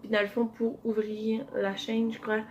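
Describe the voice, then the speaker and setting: A woman's voice: fairly high pitch, monotone, normal speed, darkish tone, a little hiss or hum. A woman with a Quebec French accent chatting through a casual giveaway unboxing in her home office, rambling and upbeat. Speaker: YouTuber. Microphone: camera mic.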